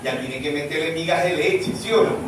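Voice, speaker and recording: A man preaching a sermon as pastor, animated and full of rhetorical questions. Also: on the high side, fairly quick, noisy background. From Venezuela. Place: church sanctuary. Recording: echoey church room, mic far off.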